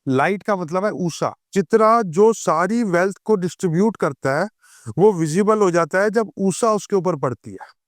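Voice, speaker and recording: Man, smooth resonant voice, fairly high pitch, dry close sound, explanatory podcast guest. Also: lively intonation, no room sound. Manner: reads scripture verses slowly, then explains in conversational tones. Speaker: astrologer guest.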